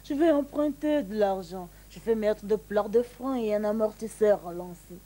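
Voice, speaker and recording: A woman's voice: mid-range voice, moderate pace, mellow, pitched below the performer's own voice, natural voice, poor audio. A woman voicing a carefree husband, breezy and unbothered, in a comic monologue.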